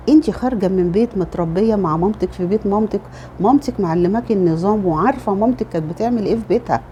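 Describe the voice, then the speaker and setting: Middle-aged egyptian mom talking fast, chatty advice vlog, mellow voice. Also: female voice, mid-range voice, slight background noise. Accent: Egyptian Arabic. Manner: chatty, motherly, advising. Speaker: lifestyle vlogger. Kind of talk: casual advice talk.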